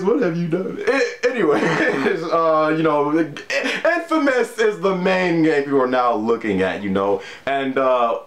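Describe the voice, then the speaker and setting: Laid-back male gaming vlogger, echoey room. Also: medium pitch. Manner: laid-back, laughs often, many fillers like "you know". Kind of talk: casual talk to camera.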